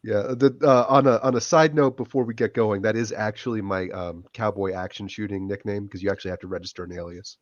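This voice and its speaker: A hoarse man hosting a casual live-streamed podcast, talking haltingly with plenty of fillers. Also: on the low side, fairly even intonation, no echo, lo-fi sound. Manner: halting, many filler words. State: hoarse from illness. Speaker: podcast host.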